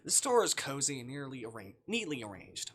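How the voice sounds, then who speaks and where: On a relaxed gaming stream, a man reads visual novel dialogue aloud with offhand, playfully muttered comments. His mid-range voice is sing-song and fairly bright, with a breathy edge, and he speaks a little fast.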